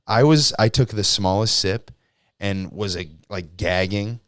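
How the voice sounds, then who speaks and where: A man's voice: on the low side, unhurried, clean tone, no echo, studio quality. A young man co-hosting a podcast, chatting casually, laughing often and saying dude a lot. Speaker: podcast co-host. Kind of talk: casual chat.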